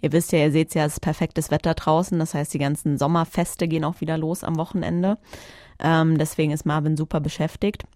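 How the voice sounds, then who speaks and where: Her voice is deep and a little mellow, level in tone and fairly quick, captured in a dry studio recording. Hosting solo, she makes an informal podcast announcement, frequently groping for the right words.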